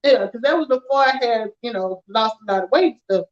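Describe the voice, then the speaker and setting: A woman, telling stories in an animated, casual chat with frequent laughter. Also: on the high side, brisk. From rural Alabama, USA. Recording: dull lo-fi sound.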